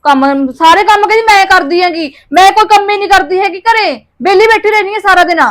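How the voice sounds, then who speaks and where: A woman playing a feisty Punjabi wife, very high and fast. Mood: angry. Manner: sharp, quarrelsome, rapid retorts. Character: feisty young wife demanding her share. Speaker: wife in a joint family. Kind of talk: short film acting.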